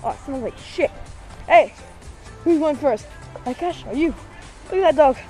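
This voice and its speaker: An excitable woman vlogger with a somewhat high voice who swears freely and repeats herself as she talks to her viewers. Music plays clearly behind her throughout. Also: normal speed, poor audio. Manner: excitable, profane, repeats phrases. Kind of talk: casual handheld vlog. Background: music playing.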